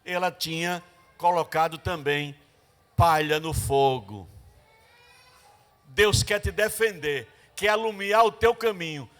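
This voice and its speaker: Middle-aged preacher, high bright voice, dramatic storyteller. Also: male voice, slow, pauses often. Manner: animated storytelling, acting out voices. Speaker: pastor. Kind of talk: sermon. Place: church service.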